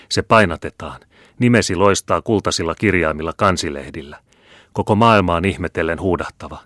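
A man reading the part of a once stern older wife who now speaks gently and soothingly to her husband. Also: low-pitched, no echo, studio quality. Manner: soothing, coaxing.

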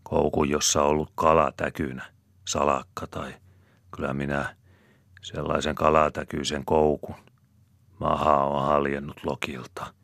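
A man's voice: very deep voice, little pitch movement, creaky, fairly bright tone, dry recording, studio quality, full character voice. A man voicing a rambling rustic father. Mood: musing. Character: chatty middle-aged cottager father, boastful.

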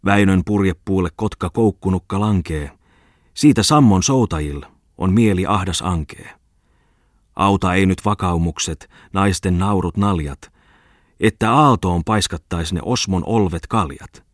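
A man's voice: sits low, no room sound, clean studio sound. A man doing a drunk editor declaiming verse. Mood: fierce declaiming. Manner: pathetic, fiercely declaiming verse. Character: drunk male newspaper editor declaiming his patriotic poem.

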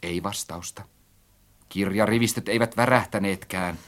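A man's voice: fairly low pitch, fairly even intonation, a bit bright. A man narrating a story as an audiobook, reading expressively and acting out his own quoted lines.

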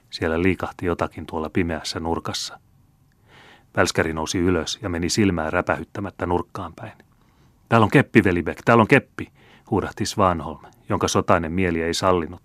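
A man narrating a classic novel as an audiobook reader in an even, measured way, recorded close to the mic. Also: low-pitched, no room sound. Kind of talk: scripted literary narration.

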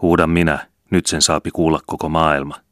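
A hot-tempered young man, as a male reader puts him on hurls loud, accusing words. The voice stays very deep and is recorded close and dry. It is an audiobook reading. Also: flat delivery, no room sound. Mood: furious. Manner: shouting, accusing.

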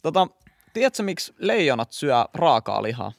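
A man's voice: fairly high pitch, very animated, vocal fry, no echo, studio quality. A young man co-hosting a podcast, chatting casually and trading crude jokes in a playful, teasing way. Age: young adult. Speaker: podcast co-host.

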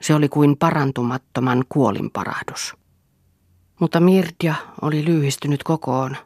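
Husky woman reading a novel aloud. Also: deep voice, darkish tone, dry recording, studio quality. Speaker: audiobook reader. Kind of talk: literary audiobook narration.

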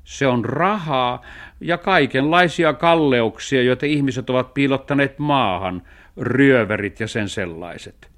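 A man voicing a thrifty, sensible male cat in a children's radio story, talking in a dry, reasoning way with a sharp tongue. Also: mid-range voice, voice pushed up, lightly acted. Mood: explaining.

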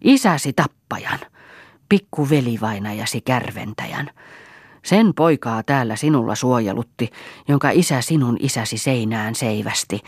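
A woman's voice: very deep voice, husky, no room sound, studio quality. A woman voicing a bitter, spiteful old mother-in-law who scolds venomously, in an audiobook.

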